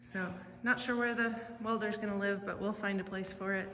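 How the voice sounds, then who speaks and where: A vlog host chats informally, thinking aloud as she narrates, her medium-pitched voice fairly even in intonation and a little quick. She's in a large metal or concrete workshop, so the recording is very echoey, with loud ambient noise behind her.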